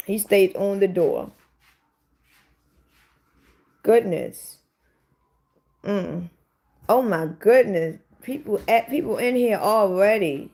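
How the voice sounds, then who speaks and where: A woman's voice: mid-range voice, takes it slowly, creaky, dark tone. Blunt, profane woman in her forties. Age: 40s. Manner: blunt, profane, talks back to commenters. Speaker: livestream host. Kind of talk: casual livestream chat with viewers.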